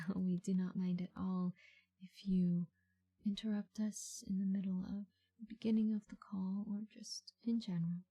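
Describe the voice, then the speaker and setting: A woman in a soft, breathy ASMR ASMR role-play as a patient, reassuring call center agent, speaking in unhurried phrases with murmured acknowledgements. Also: mid-range voice, rough recording.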